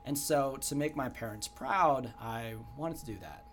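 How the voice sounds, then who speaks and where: A man's voice: mid-range voice, a little slow, fairly bright tone, a little hiss or hum. Earnest young man, reflective interview guest. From United States. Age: young adult. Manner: earnest, reflective, many "you know" fillers. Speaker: guest entrepreneur. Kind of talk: casual interview answers.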